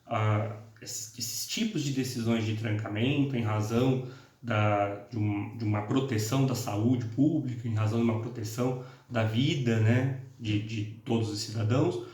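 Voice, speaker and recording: A man from the interior of Paraná, Brazil, with a northern Paraná interior Brazilian Portuguese accent, gives an informal recorded law lecture as a law professor and course coordinator. His mid-range voice is steady, slightly mellow, and at normal speed, but he hesitates a lot, with many "uh"s, restarts, and self-corrections. The room is echoey and the mic sits some distance away.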